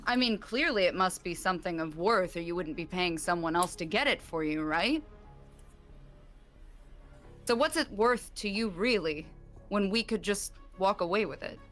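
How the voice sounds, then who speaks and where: A woman playing in a tabletop game who presses with questions and laughs easily. Her voice sits lower than most women's. Faint music runs underneath. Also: expressive, a bit bright. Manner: probing, questioning, quick to laugh. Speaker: player. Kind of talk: casual in-character play.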